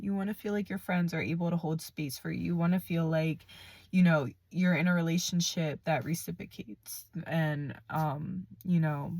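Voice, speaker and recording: A woman giving a gentle, affirming spiritual reading to camera, her voice a little rough from being sick, with frequent fillers and soft laughs. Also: low-pitched, no room sound. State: voice a bit rough from illness. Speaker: spiritual card reader. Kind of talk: channeled collective reading to camera.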